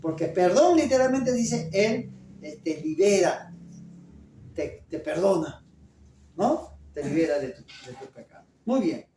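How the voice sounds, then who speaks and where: A pastor preaching a sermon at a deliberate pace and pausing to put questions to the congregation. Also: mid-range voice, sing-song, dark tone, a little hiss or hum. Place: church. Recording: echoey church room, voice from a distance.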